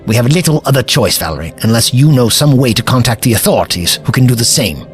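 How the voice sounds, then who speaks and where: An actor playing a proud, fussy, forgetful old time-travelling Doctor in an audio drama, halting and grandly formal. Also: male voice, mid-range voice, expressive, faint music behind, close to an everyday voice. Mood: decisive.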